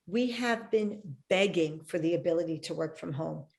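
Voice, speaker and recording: A woman's voice: on the low side, moderate pace, creaky, a little mellow. A woman hosting an interview over a video call, frank and teasing, laughing easily as she pushes back. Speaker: podcast host. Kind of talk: casual interview chat.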